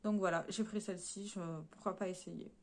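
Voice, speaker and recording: A woman runs through a casual beauty haul at an everyday mid pitch. She talks straight to her viewers in a loose, chatty way, pausing on fillers and correcting herself mid-sentence. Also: fairly even intonation, background noise. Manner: chatty, hesitant with frequent fillers and self-corrections; addresses viewers directly while showing swatches. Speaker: beauty vlogger.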